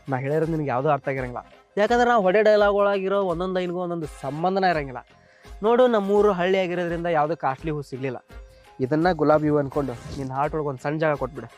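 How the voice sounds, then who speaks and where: This is a man acting a young North Karnataka villager, first a teasing suitor, then an anxious, devoted husband. The voice sits high and runs fast, with faint music playing behind the scene. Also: natural voice. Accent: North Karnataka Kannada. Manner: playful joking then pleading. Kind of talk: short film acting.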